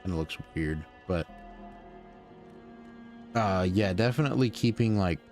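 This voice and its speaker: A young man with a very low voice, streaming a game live and chatting in a loose, rambling way. He sounds tired, and faint game music plays behind him. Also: animated, measured pace, a little mellow. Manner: rambling, laid-back, lots of fillers. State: tired, yawning. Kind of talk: casual live-stream commentary.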